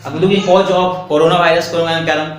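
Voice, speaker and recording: A man teaching a spoken English lesson in Hindi. He asks questions and answers them himself, and he slows right down for the English example sentences. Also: on the high side, level tone. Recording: echoey room with faint background noise.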